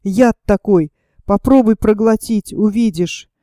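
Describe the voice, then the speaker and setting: A woman voicing a clever, bossy boy who talks in hushed, knowing, urgent tones. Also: medium pitch, measured pace, no room sound, clean studio sound, lightly acted. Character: boastful clever boy, scared but trying to lead.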